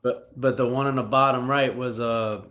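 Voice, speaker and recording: A man's voice: mid-range voice, fairly even intonation, normal speed, a bit bright. A man with a Brooklyn accent, a fighter talking casually as an interview guest with plenty of swearing and slang. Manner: profane, slangy, buddy-like.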